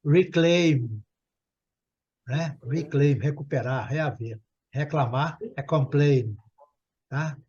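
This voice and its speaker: A middle-aged Brazilian man teaching English to a group over a video call, chatty and prone to slowly repeating words. His voice sits a little high and sounds husky. The call audio is muffled and lo-fi. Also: a little mellow. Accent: Brazilian Portuguese. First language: Portuguese. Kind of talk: online group English lesson.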